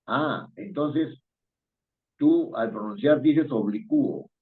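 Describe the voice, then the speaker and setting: This online spelling teacher speaks slowly in a medium-pitched, expressive voice, coming through thin video-call audio that sounds like a phone line. He asks questions patiently and chuckles now and then.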